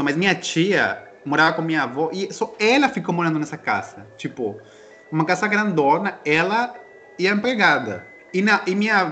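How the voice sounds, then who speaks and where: A man in casual chat, explaining things in a relaxed way with hesitant restarts. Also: a little high, a little hiss or hum.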